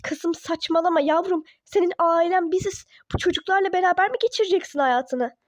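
A woman's voice: very high voice, a little fast, dry recording, studio quality. A woman voicing a pushy middle-aged mother who coaxes her daughter to come home in a toy-app role-play drama. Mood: coaxing. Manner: coaxing, dismissive.

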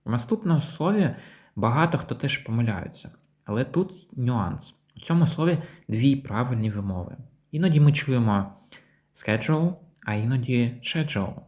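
A man giving a language lesson, saying example words slowly and clearly and repeating them. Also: medium pitch, animated, a little mellow. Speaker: English teacher.

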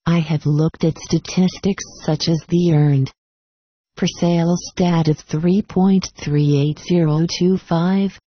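Calm, slow synthetic computer woman. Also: on the low side, dry recording, lo-fi sound. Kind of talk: automated sales pitch.

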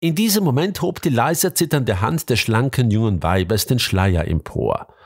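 A man's voice: medium pitch, lively intonation, measured pace, gravelly, husky. Dramatic male audiobook narrator. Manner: dramatic storytelling.

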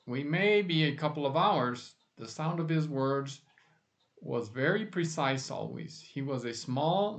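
Man, audiobook narration, unhurried, measured, middle pitch. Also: vocal fry. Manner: slow, measured. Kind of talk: reading a novel aloud.

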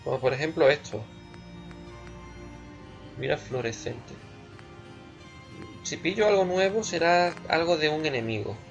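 A man's voice: on the high side, animated, a little slow, creaky, pauses often, soft background music. Playful male gamer, slightly dull recording. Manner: playful, muses aloud, repeats words. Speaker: gamer, let's play host. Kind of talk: casual game commentary.

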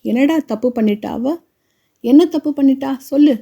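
A woman's voice: a little high, normal speed, warm tone, lightly acted. A woman voicing an elderly widowed grandmother who talks with impassioned, reproachful pleading. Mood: angry.

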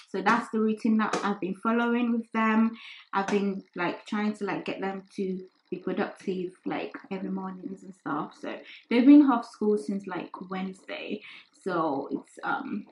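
A young woman vlogging casually at home in her kitchen, chatting with lots of fillers and trailing off softly. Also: medium pitch, a little slow. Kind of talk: casual vlog chat. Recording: roomy kitchen with faint noise.

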